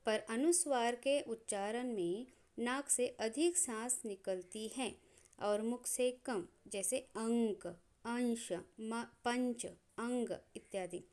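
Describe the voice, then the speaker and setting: A woman teaches a grammar lesson in a fairly high voice. She goes slowly and deliberately, spelling out each sound in turn with measured pauses. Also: darkish tone. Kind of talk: slow explanatory lesson.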